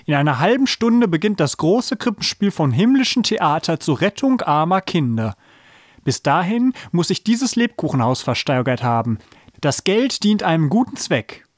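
A man voicing a loud, jovial male baker who calls out an auction in a booming salesman manner, pitched up from his own voice. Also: lively intonation, normal speed, no room sound, studio quality, natural voice. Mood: hearty auctioneering.

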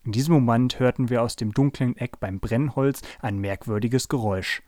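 A man reading a children's story aloud in a calm, steady way, then chatting as podcast host. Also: mid-range voice, normal speed, dry recording, clean studio sound.

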